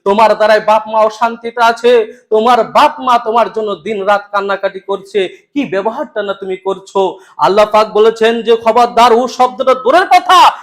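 A man preaching a Friday sermon in a West Bengal Bengali accent, his voice pitched high. He repeats his points with emphasis, swings from stern raised rebukes down to quiet low lines, and recites verses to the congregation. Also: moderate pace. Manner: emphatic, repetitive, rising to stern rebukes then dropping low.

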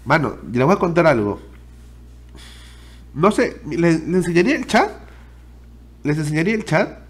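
A young man in his twenties with a Peruvian Spanish accent, a streamer telling a personal story to his viewers in slangy, profane casual talk. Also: medium pitch. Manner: animated, slangy and profane, addresses viewers directly.

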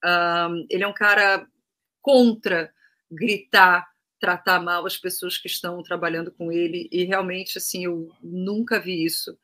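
A Brazilian woman with a bright, clear-edged voice tells tour stories to an interviewer. She is a trained classical singer speaking casually, and she slips into other people's voices when she quotes them. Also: on the low side, unhurried. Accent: Brazilian Portuguese. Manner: lively anecdotal telling, acting out quoted voices. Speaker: guest singer, opera-trained.

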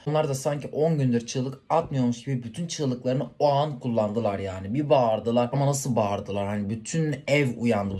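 A man vlogs to the camera, casually telling a story and talking straight to his viewers in a chatty way. His voice is medium-pitched and warm.

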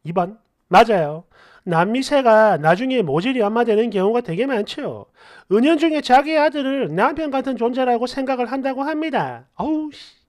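A woman narrator reads online posts and comments aloud, scolding and sarcastic as she goes. Her pitch is mid-range but moves a lot and animatedly. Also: expressive, moderate pace, darkish tone.

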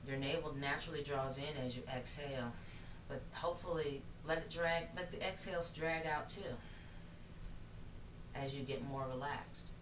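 A middle-aged woman guides yoga and breathing in measured, soothing phrases with long pauses, recorded across a living room. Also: low-pitched. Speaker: yoga teacher. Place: living room, seated on the floor. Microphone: camera mic across the room. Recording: roomy, noisy, distant microphone.

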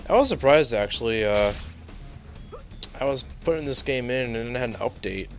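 A young man giving live let's play commentary, sarcastic and rambling, reacting loudly to glitches. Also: mid-range voice, moderate pace, faint music behind. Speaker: gaming commentator.

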